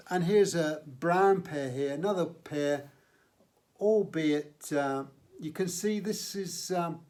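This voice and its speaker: Male vlog host from the UK, slightly high voice, slow and measured, frequent fillers. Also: a little mellow. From United Kingdom. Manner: measured, explanatory, many fillers. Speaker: menswear channel host. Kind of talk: unscripted show-and-tell vlog.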